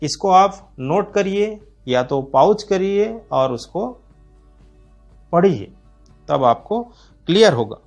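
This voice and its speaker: A man with an Indian accent teaching English reading rules, drawing out each English term slowly as he explains. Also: high-pitched, lively intonation, creaky, faint music behind. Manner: slow, drawn-out delivery of English terms. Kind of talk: explanatory lesson.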